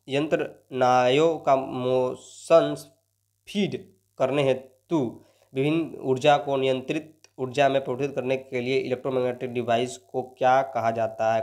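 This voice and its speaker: A man's voice: medium pitch, a little mellow. A young man, a coaching teacher who solves exam questions and keeps coaxing his students, tagging his sentences with a constant "right?". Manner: repeats "ठीक ना" as a tag, coaxing and motivational. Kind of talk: lecture solving exam questions.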